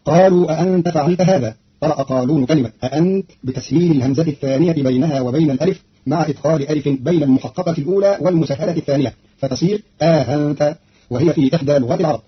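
A man giving a formal, precise explanation as a radio announcer, slowing down whenever he quotes verses. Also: fairly high pitch, slightly rough. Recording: muffled old radio archive.

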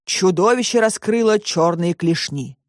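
A woman narrating a children's storybook as an audiobook, with expressive storytelling. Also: lowish voice, a little slow, dry recording, clean studio sound. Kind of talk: scripted narration.

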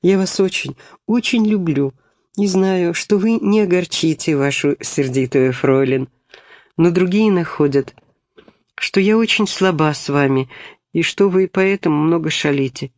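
A man reading the part of a gentle, tearful young woman teacher who speaks softly and tenderly. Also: a little high, unhurried, dry recording, lightly acted. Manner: soft, tender.

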